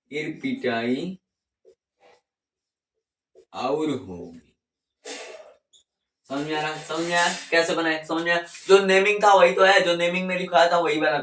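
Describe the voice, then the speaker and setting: A man's voice: on the high side, a bit bright. A male chemistry teacher teaching mnemonics at a board, repeating phrases again and again and coaxing students to follow. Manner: repetitive, coaxing, drills phrases over and over. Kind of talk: classroom lesson with mnemonics at a board. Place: classroom with a board. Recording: echoey room, voice from a distance.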